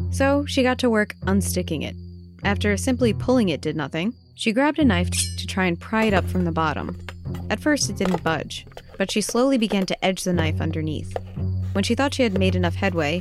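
A woman podcast host narrating an original spooky story in a measured, suspenseful way. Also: fairly low pitch, lively intonation. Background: soft music.

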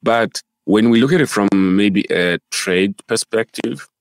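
A man from Africa co-hosting a casual discussion, explaining in a measured way with fillers. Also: on the low side, dry recording.

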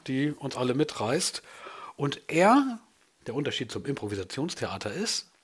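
Lively man hosting an improv exercise. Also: mid-range voice, slightly rough. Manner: animated, explaining an exercise. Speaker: improv workshop host. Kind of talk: instructional hosting.

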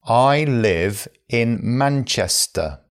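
Guy reading lesson phrases real slow, then again at normal speed, voice goes up and down a lot. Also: medium pitch, lively intonation. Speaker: phrase teacher.

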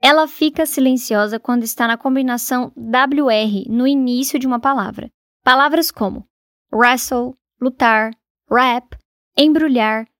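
High-voiced Brazilian woman teaching pronunciation. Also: no echo, studio quality. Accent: Brazilian Portuguese. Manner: clear, deliberate reading of word pairs. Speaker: podcast English teacher. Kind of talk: scripted lesson narration.

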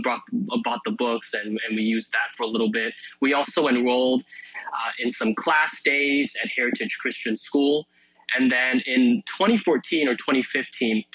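Young male student guest, bright tone with some rasp, dry close mic, eager rambling answers. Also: medium pitch, dry recording, rough recording. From Malaysia. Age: young adult. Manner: eager, chatty, many fillers and restarts. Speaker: interview guest, university student. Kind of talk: casual radio interview.

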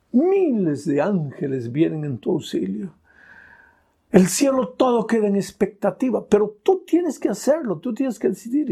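A man preaching a sermon, pleading and building to impassioned rising cries, then dropping soft and close. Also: fairly high pitch, gravelly, husky.

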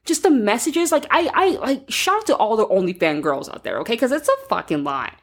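A woman's voice: fairly high pitch, big pitch swings, brisk, breathy edge. A woman co-hosting a podcast, chatting casually and bluntly, swearing freely and laughing through her stories. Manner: blunt, profane, laughing storyteller. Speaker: podcast co-host. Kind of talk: casual chat.

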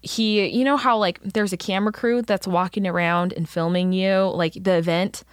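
A young woman from Texas telling a long, animated personal story in casual chat, swearing freely, laughing, and acting out the voices of the people in it. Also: medium pitch, normal speed, no room sound, clean studio sound.

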